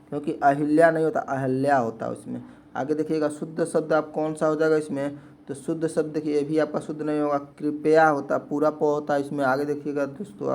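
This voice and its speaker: A man teaching a spelling lesson for exam prep, asking questions and answering them himself in a repetitive explaining way. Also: fairly high pitch.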